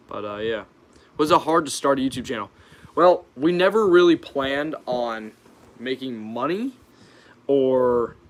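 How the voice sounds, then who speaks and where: A young American man hosting a casual livestream Q&A, informal and hesitant, reading questions out and answering them off the cuff. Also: mid-range voice. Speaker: YouTube channel host.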